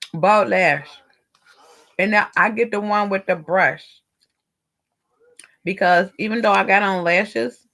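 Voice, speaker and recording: A woman's voice: mid-range voice, gravelly, fairly bright tone. A middle-aged woman, chatting candidly to her viewers while she eats and does her makeup. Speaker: lifestyle vlogger. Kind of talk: casual chat while doing makeup.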